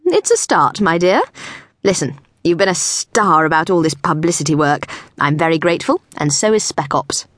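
A woman voicing a gushing, flamboyant female PR agent in an audiobook, with an effusive, theatrical, drawn-out delivery. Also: deep voice, lively intonation, a bit bright, no room sound, clean studio sound. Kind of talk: audiobook character voice.

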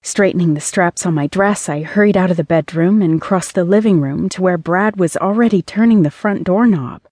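A woman narrating a first-person romance audiobook in an expressive, measured way, on a close studio mic. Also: lowish voice, dry recording.

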